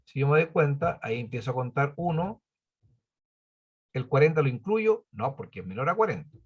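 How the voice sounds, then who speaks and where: A man's voice: mid-range voice, very animated, moderate pace, slightly rough, muffled recording. A man teaching a spreadsheet lesson, patiently explaining formulas step by step and counting items aloud. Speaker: computing teacher.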